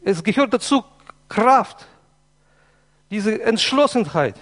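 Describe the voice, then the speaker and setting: A man with a high voice preaches a fervent sermon, stressing and repeating his points. His German phrasing sounds slightly non-native. A long reverb trails each phrase, as in a church hall. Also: expressive, takes it slowly, a bit bright. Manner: impassioned, emphatic preaching with repetitions.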